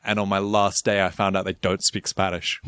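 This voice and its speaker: Low-voiced rambling British podcast guy. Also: level tone, moderate pace, a bit bright, clear, resonant tone, no echo, studio quality. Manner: rambling, jokey, trails off mid-sentence. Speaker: podcast co-host. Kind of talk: casual chat.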